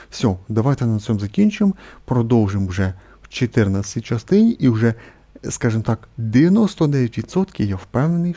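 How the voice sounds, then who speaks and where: Dark-voiced man complaining over gameplay. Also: on the low side, breathy edge. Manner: complaining, repeats himself, many fillers. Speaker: gameplay streamer. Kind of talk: casual gameplay commentary.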